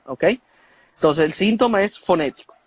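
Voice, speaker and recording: A man's voice: high-pitched, expressive, moderate pace, a little hiss or hum. A man speaking as an expert guest, explaining in a didactic way with many fillers and tag questions. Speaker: guest expert on speech disorders. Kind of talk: explanatory conversation.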